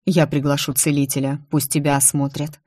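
A woman reading the part of a calm, protective duke and mage who speaks quietly and reassuringly. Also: low voice, fairly quick, no echo, clean studio sound.

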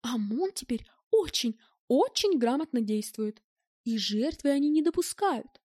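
A prim, easily alarmed wife, voiced by a woman reading aloud who gasps with indignation at anything improper. Her voice climbs high. The sound is close and dry. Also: lively intonation, a little slow, mellow, dry recording. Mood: fussy. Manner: indignant, fussy, shocked. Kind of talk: audiobook reading.

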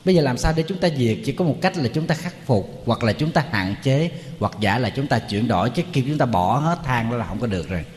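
Humorous monk preaching. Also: male voice, mid-range voice, fast talker, few pauses, big-room sound. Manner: humorous storytelling, animated. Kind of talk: sermon.

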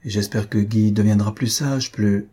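A man's voice: lowish voice, steady tone, normal speed, dark tone, husky. A man voicing an elderly dowager countess, a reproving yet motherly mother-in-law in a read-aloud novel. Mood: tender.

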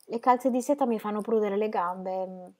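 A woman reading an audiobook, voicing a lively, chatty teenage girl who talks quickly and a little cheekily. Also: medium pitch, voice pushed up, natural voice.

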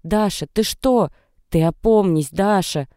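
Brief: narrator playing a level-headed young woman, earnest and reproachful, warm and smooth, dry studio read. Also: mid-range voice, takes it slowly, no echo, pitched above the performer's own voice, natural voice. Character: young sensible woman friend. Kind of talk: audiobook character reading.

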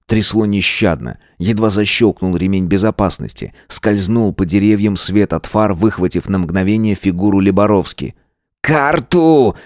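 A man reading a novel aloud as an audiobook narrator, with an expressive delivery. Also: deep voice, normal speed, hardly any pauses, no room sound, studio quality. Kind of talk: scripted narration.

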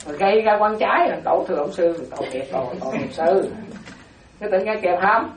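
A woman, a Buddhist nun, giving a dharma talk, often checking that her listeners follow and slowly repeating names for them. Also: fairly low pitch, crowd noise. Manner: keeps asking the audience if they follow; animated, repeats terms slowly. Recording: roomy echo, voice from far off.

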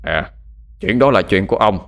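A man's voice: fairly low pitch, lively intonation, moderate pace, vocal fry, a bit bright, soft background music. A man voicing a rude young henchman who sneers and threatens. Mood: sneering.

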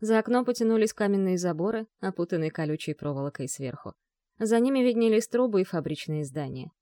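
A woman narrating a novel with a measured, expressive reading. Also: medium pitch, no echo, clean studio sound. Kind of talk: audiobook narration.

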